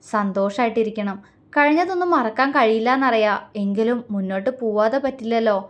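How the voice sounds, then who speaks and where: A loving aging father in a storybook romance, soothing and gently teasing, as a woman narrator voices him. His tone stays affectionate and calm. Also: on the high side, brisk, lightly acted. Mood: fatherly.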